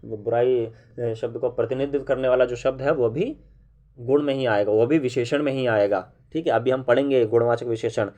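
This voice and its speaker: A male grammar teacher talks through an online lesson at an easy, unhurried pace. He repeats each new term, asks the viewers questions and keeps checking that they are with him. His pitch sits right in the middle for a man. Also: darkish tone. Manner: explains slowly, with frequent "है ना" and "ठीक है" check-ins; repeats key terms for emphasis and puts questions to viewers. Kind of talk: classroom-style online lesson.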